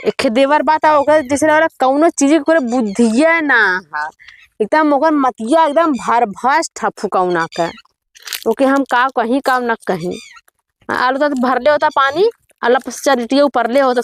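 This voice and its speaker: Fed-up farm wife woman acting, high voice, Awadhi accent, complaining and nagging in a rustic comedy sketch. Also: a little hiss or hum. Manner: plaintive grumbling and nagging.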